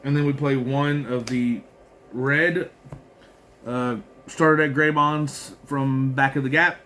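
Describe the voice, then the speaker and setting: A man's voice: medium pitch, fairly even intonation, takes it slowly, bright, forceful tone, slight background noise. Rambling man reading card text aloud. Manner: rambling, filler-heavy, reads card text aloud with frequent restarts. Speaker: card game content creator. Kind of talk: casual deck walkthrough.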